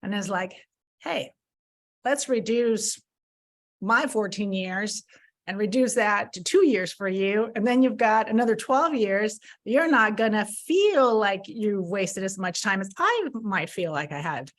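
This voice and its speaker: This podcast guest, a woman in her fifties, is expressive and measured as she candidly discusses mistakes from her past. Her mid-range voice frequently circles back, repeating words as she begins again during the conversational interview.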